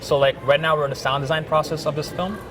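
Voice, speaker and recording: A man's voice: on the high side, fairly even intonation, fast talker, noisy background. A young man, a filmmaker guest, talking in a casual interview with lots of "like" fillers. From Thailand. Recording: music playing behind.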